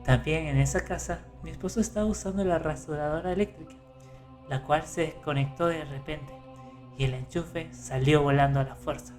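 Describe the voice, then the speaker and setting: A man reading horror stories aloud in calm scripted narration, rising for the tense moments. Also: on the high side, moderate pace. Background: faint music.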